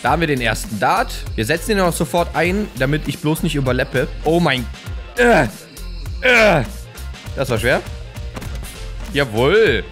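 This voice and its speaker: Excitable, high-pitched young man gaming. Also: measured pace, pauses often, soft background music. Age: 20s. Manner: excitable, exclaiming and joking while playing. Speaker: gaming YouTuber. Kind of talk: casual gameplay commentary. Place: indoor room at home, on a couch. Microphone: close studio condenser microphone with pop filter.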